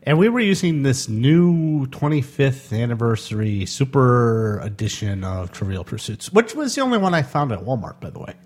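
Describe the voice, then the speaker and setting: A laid-back man co-hosting a podcast, dry in his remarks. His voice is husky, and his pitch moves around a lot as he talks. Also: big pitch swings, normal speed, few pauses, darkish tone. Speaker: podcast co-host. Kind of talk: casual chat.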